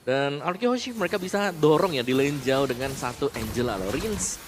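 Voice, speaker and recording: A man's voice: fairly high pitch, animated, a little fast, soft background music. A man with an Indonesian accent giving conversational, explanatory esports analysis.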